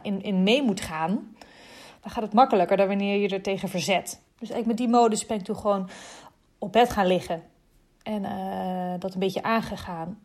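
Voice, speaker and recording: A young woman calmly telling the story of giving birth, in a reflective, soft-spoken way. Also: medium pitch. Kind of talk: casual personal storytelling.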